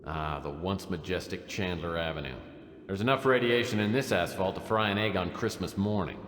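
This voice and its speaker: A man's voice: sits low, fairly quick, a bit bright, in a large hall, slight background noise. An actor playing a wisecracking hard-boiled male detective, narrating in a dry, sardonic noir style. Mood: wry. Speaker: game narrator and lead character. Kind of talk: 1990s game voice acting.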